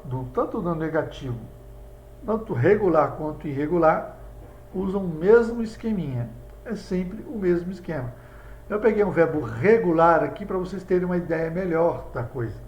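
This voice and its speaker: A man with a Brazilian Portuguese accent, teaching English in a video lesson and walking students through examples. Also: on the high side. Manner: explanatory, talks students through examples on a board. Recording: echoey room with faint background hum.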